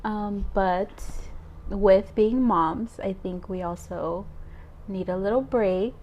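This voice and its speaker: A woman's voice: mid-range voice, slow, lo-fi sound. A woman in her twenties co-hosting a podcast, chatting casually and laughing often between thoughts. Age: 20s. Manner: giggly, chatty, frequent "um" and "like". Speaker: podcast co-host. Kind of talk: casual chat.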